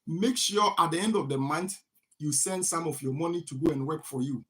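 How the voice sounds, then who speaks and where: This Ghanaian host of a farming channel talks to camera about money in a motivational way, his voice somewhat high and fairly bright, his pace moderate. Repetition runs through the talk as he keeps throwing out rhetorical "what?" questions and answering them himself.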